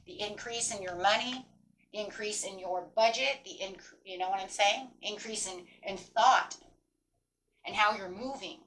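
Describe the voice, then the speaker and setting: A woman with a mid-pitched voice gives a tarot reading in the manner of a fortune teller. She talks in a loose, rambling flow, reassuring and affirming her listeners. Some background noise sits behind her voice. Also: normal speed, a bit bright, low-quality recording. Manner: encouraging, affirming; rambling, peppered with "right?" and "you know". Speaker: tarot card reader hosting a reading. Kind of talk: spontaneous fortune-teller style tarot reading addressed to viewers.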